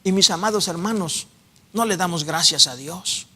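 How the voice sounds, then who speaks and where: Pastor preaching, high ringing voice, earnest storyteller, big church echo. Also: male voice, normal speed, sharp tone, slightly rough. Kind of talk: sermon. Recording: echoey church hall.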